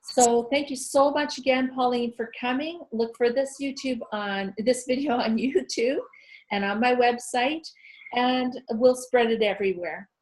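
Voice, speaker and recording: A woman's voice: fairly high pitch, unhurried, a little mellow, rough recording. A woman life coach hosting an online interview, upbeat and affirming as she introduces her guest and signs off.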